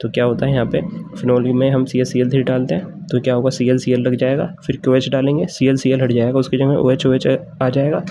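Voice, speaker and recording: A man's voice: medium pitch, creaky, noisy background. A man teaching a chemistry lesson for exam prep, explaining step by step, mixing English science terms into his Hindi and asking the class questions.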